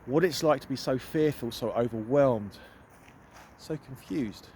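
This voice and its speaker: Holding his phone as he strolls through woodland, a middle-aged British empowerment coach speaks in a medium-pitched, darkish voice at a slightly slow pace. His vlog monologue is earnest and emphatic, with phrases repeated for weight, over faint outdoor noise.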